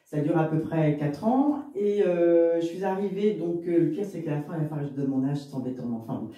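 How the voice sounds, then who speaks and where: This guest, a woman in her fifties who runs a real estate business, hails from Lille in northern France and recounts her career in a rambling, chatty way full of fillers and asides. She has a deep, dark, brisk voice, recorded from afar with heavy echo.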